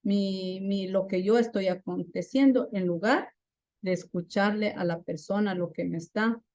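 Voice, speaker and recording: A woman's voice: mid-range voice, fairly even intonation, unhurried, darkish tone, no echo, muffled recording. A woman teaching a class on active listening, often asking her students questions and tagging her points with a questioning "¿no?". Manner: asks the class frequent questions, adds "¿no?" often. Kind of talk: classroom lesson.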